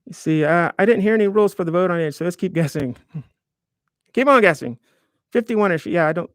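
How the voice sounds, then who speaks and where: A man's voice: sits high, racing, clean tone, dry recording, clean studio sound. A man in his fifties hosting a live stream, chatting casually and in a rambling, self-deprecating way while reading viewer comments aloud. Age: 50s.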